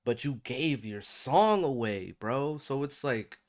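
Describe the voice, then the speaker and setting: A man reacting casually as a commentary host. His pitch swings widely as he exclaims and repeats himself in loose slang. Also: expressive, slow pace.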